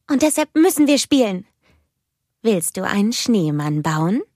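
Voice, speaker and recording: A woman voicing an excited little girl who is bubbly and pushy, with shrill, eager calls. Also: unhurried, dry recording, studio quality.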